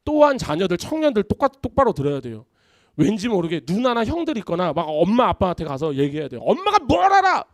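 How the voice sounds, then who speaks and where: A man, a pastor, preaching a sermon in an animated, conversational way in a church. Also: high-pitched, quick pace, no echo, studio quality. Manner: animated, conversational preaching with acted-out family quotes. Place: church sanctuary.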